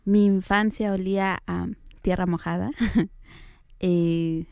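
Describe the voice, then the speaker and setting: Soft-spoken young woman from Oaxaca. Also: lowish voice, fairly even intonation, takes it slowly, clean tone, no echo, studio quality. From Oaxaca, Mexico. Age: young adult. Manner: soft-spoken, hesitant fillers, light laughs. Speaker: interview guest. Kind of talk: relaxed interview conversation.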